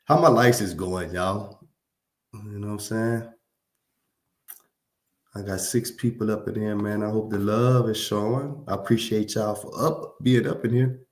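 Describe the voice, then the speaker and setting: A man from Louisiana with a drawl hosts a livestream, chatting loosely with his viewers. His voice sits low and his speech is easygoing and full of slang. The room around him rings with echo. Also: steady tone, unhurried. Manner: laid-back, slangy, talks straight to viewers. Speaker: livestream host. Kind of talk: casual livestream chat reading comments.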